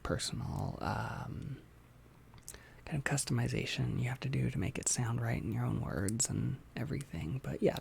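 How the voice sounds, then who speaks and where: A young adult ASMR streamer chatting casually in a soft, hesitant whisper, with faint mouth clicks from a tongue piercing. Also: medium pitch, creaky, a little hiss or hum. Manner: soft-spoken, hesitant, informal. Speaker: ASMR content creator hosting a livestream.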